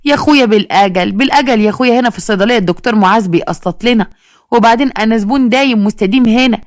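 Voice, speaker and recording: A woman voicing a loud, battered Egyptian wife who wails, bargains and drops folk sayings. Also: on the high side, very fast, dry recording, clean studio sound, natural voice. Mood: complaining, wailing. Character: battered chatty local wife, loud and complaining.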